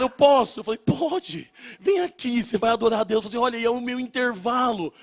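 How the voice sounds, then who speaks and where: A young man preaching, telling a testimony and rising into loud shouted prayer. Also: extremely high pitch. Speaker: pastor. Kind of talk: sermon.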